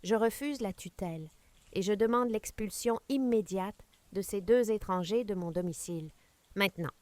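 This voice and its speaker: A woman voicing an elderly matriarch who speaks hoarsely, in a cold, commanding tone, articulating every syllable. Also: medium pitch, moderate pace, darkish tone, dry recording, lightly acted. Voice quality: hoarse, gravelly.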